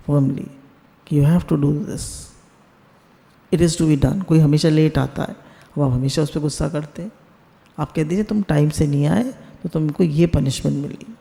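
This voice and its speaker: A man gives a spiritual discourse over a video call and keeps putting questions to his listeners. His voice is gravelly and mellow, sits a little high, and trails into a long reverb. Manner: asks the listeners questions, mixes English words into Hindi. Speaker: satsang speaker.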